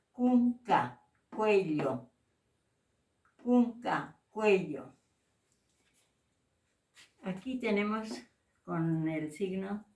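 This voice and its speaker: A woman teaching a language lesson, saying each word slowly and repeating it several times to show how it is pronounced. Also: mid-range voice. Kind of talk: slow pronunciation lesson. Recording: echoey room, voice from far off.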